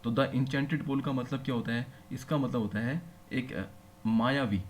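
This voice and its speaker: A man's voice: mid-range voice, normal speed, slight background noise. Man teaching with frequent check-in questions. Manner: explains patiently, checks understanding with frequent rhetorical questions. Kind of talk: classroom lecture.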